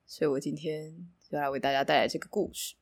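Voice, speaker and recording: A woman's voice: low voice, flat delivery, fast, slightly rough. A woman podcast host telling a story in an informal, conversational way.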